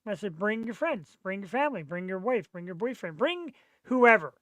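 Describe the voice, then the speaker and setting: A man, chatting casually as a podcast host in an excitable, slangy, rambling way. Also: high-pitched, brisk, dry recording. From Philadelphia, USA. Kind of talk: casual live podcast chat.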